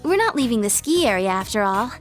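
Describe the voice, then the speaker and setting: A woman voicing a shy, gentle teenage schoolgirl in a video game, speaking softly and earnestly. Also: fairly high pitch, sing-song, brisk. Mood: wistful. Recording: game audio with background music.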